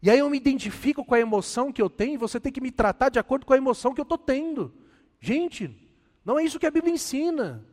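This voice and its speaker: A Brazilian man preaching a sermon as a pastor, animated and speaking with self-deprecating humor. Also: extremely high pitch, fast talker, big-room sound.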